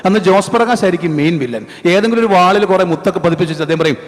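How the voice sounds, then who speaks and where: A man's voice: high-pitched, animated, very fast. A man, a mimicry artist, talking to the audience in conversational stage comedy patter. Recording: stage hall reverb.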